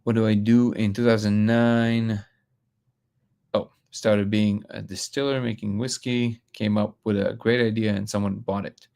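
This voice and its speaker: A man's voice: on the low side, level tone, measured pace, vocal fry, darkish tone. A man from Russia hosting a live stream, reading comments aloud and talking bluntly with frequent restarts.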